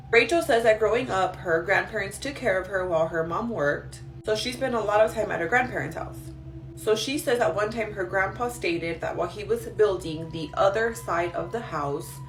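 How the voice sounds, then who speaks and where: Woman telling spooky stories in an echoey room. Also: mid-range voice. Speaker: storyteller host reading follower-sent stories. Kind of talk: spooky storytelling for social media. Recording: roomy echo, distant mic, faint noise.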